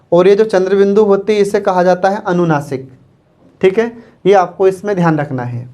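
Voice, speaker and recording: A man's voice: sits high, darkish tone. A man teaching an exam-prep grammar lecture, repeating points and answering his own questions. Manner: repetitive, asks the class questions and answers them himself.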